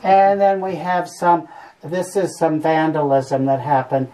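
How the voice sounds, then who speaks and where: A woman guiding a group through a cave talks in a folksy, joking way, caught on a visitor's camera from some distance. Her low, mellow voice shows little pitch movement and a measured pace. The on-location audio is noisy.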